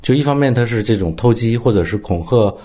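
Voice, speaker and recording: A man in a casual podcast talk, thinking aloud about a film and ending phrases with soft particles. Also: mid-range voice, expressive, fairly quick. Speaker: podcast guest, film critic.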